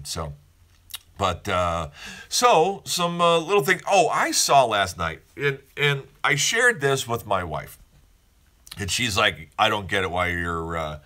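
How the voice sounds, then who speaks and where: A man's voice: on the low side, bright, forceful tone. A man hosting a casual morning show, talking in a rambling, upbeat way with many restarts and fillers. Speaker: host of a daily morning show.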